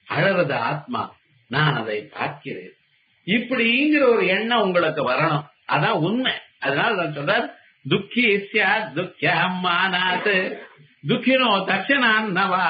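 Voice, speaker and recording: High-voiced man giving a spiritual discourse. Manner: chants verses, then explains with rhetorical questions. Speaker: Vedanta teacher. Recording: dull lo-fi recording.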